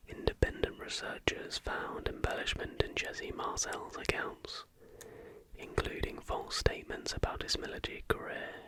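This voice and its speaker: An ASMR host, a man, reads a factual script in a soft, breathy, deliberate whisper, recorded close to the microphone.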